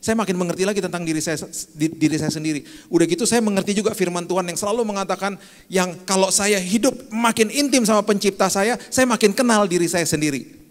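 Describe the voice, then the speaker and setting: A man's voice: sits high, fast. A man preaching in a church, casual, slangy and joking. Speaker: pastor. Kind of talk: sermon. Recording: long church hall reverb.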